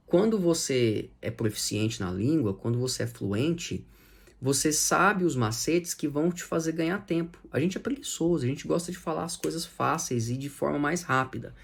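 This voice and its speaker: A man with a Brazilian Portuguese accent teaching English grammar, patiently repeating example phrases slowly. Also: a little high, vocal fry, husky.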